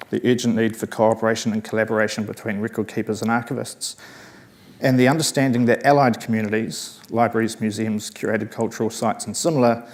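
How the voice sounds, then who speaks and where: In a conference session room, a man with a broad Kiwi accent and a low-leaning, darkish voice reads a colleague's paper to an audience. Drawing partly on his notes, he is hesitant and self-deprecating, with a touch of nervousness.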